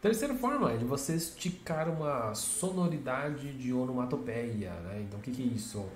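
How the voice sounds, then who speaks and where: A man's voice: lively intonation, moderate pace. A man, a Mandarin teacher giving a casual video lesson and explaining patiently. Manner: explains patiently, tags lines with "né?" and "tá?"; imitates horn sounds in a high voice. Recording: echoey room with faint noise.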